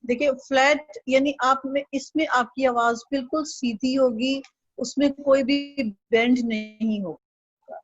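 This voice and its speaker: A woman's voice: high voice, fairly even intonation, takes it slowly, slightly rough, muffled recording. A woman teaching an online Chinese lesson, patiently drilling syllables and tones for the student to repeat.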